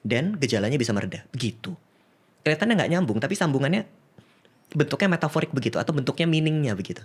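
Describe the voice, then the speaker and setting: A man's voice: on the high side, very animated, fast talker, husky. Man explaining. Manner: explains with examples, laughs easily, mixes in English. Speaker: psychiatrist guest. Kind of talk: casual podcast conversation.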